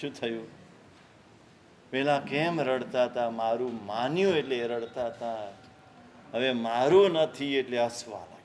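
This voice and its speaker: Slow-spoken male monk preaching. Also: mid-range voice, noisy background. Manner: storytelling, acting out characters' cries with rising emotion. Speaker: Jain monk giving a sermon. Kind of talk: sermon with acted-out story.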